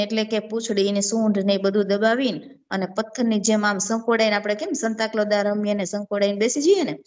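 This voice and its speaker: A woman reading and explaining a children's story as a teacher, asking the listeners questions and then answering them herself. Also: medium pitch.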